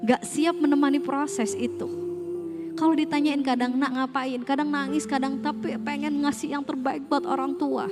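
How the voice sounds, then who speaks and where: High-voiced woman giving a parenting talk. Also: little pitch movement, moderate pace, over loud music. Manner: addresses parents directly with rhetorical questions; conversational, mixes casual slang. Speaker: school staff speaking to parents. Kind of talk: parenting seminar talk with slides.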